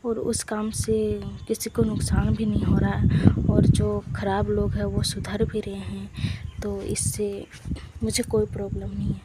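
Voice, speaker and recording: A woman's voice: medium pitch, monotone, a little slow, lightly acted. A woman voicing a serious young man who stammers when flustered. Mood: calm. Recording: loud background noise.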